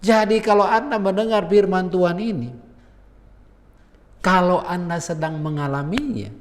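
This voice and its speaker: A man's voice: high voice, normal speed, in a large hall. A man preaching a sermon as pastor, mixing earnest exhortation with casual, conversational asides.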